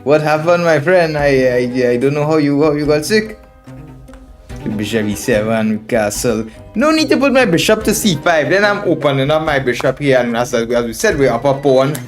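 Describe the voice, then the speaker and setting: Speaking with a Trinidadian accent, a chess instructor and streamer from Trinidad and Tobago calls a live game in a fairly high, expressive voice at normal speed. He muses out loud, says things more than once, and addresses viewers as friends while music plays in the background.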